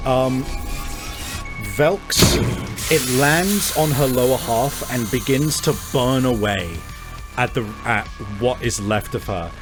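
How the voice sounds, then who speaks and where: A man running a tabletop game as game master, talking casually with frequent swearing and fillers. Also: mid-range voice.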